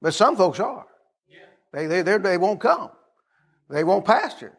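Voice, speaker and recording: A man's voice: high voice, big pitch swings, a little slow, husky. A middle-aged American man preaching an informal sermon as a pastor, in a folksy, conversational manner, repeating phrases and prompting his listeners to respond.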